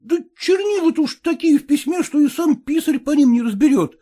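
A man's voice: extremely high pitch, animated, a little fast, mellow, voice pushed up. A male reader voicing a hungover, sleepy young peasant man who drawls and grumbles. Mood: reading haltingly.

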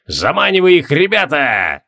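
A man voicing a croaking undead old marshal. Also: wildly swooping pitch, moderate pace, bright, forceful tone, heavily acted. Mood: rallying. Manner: booming battlefield commands.

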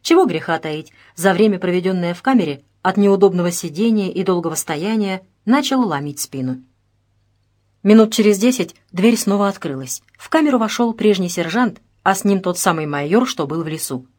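A woman narrating a detective audiobook in a measured, expressive reading. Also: medium pitch. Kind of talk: scripted narration.

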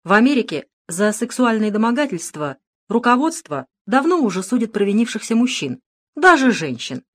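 A woman voicing a calm, sarcastic middle-aged male detective in an audiobook, speaking in a cool, mocking, unhurried way. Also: a little high, voice pushed up. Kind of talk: audiobook character reading.

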